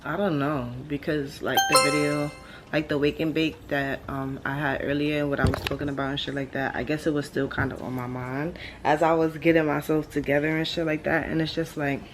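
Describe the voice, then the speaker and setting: A vlogger in her late twenties speaks a little fast in a low voice with few pauses, rambling casually to camera. Her laid-back stoner talk is slangy and blunt, and she swears freely as she thinks aloud, with steady ambient noise in the background.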